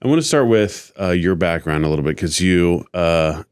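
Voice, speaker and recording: Male podcast host, very low pitch, casual interviewing, dry close sound. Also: lively intonation, normal speed, clear, resonant tone, no room sound.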